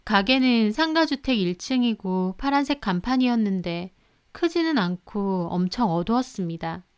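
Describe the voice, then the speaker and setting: Clear-voiced woman narrating a story. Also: medium pitch. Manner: confiding first-person telling.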